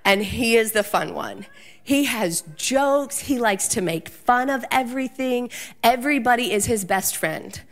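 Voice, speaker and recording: A woman preaching a sermon, telling a personal story in an animated way and acting out the quotes. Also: medium pitch.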